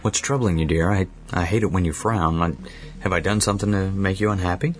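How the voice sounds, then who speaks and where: A man playing a doting researcher husband who speaks gently and a little hesitantly, with faint music underneath. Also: deep voice, steady tone, brisk, close to an everyday voice. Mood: coaxing.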